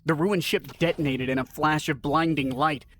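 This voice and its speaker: Even-voiced man narrating sci-fi. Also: on the high side, moderate pace, a little hiss or hum. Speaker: story narrator. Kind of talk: scripted sci-fi story narration.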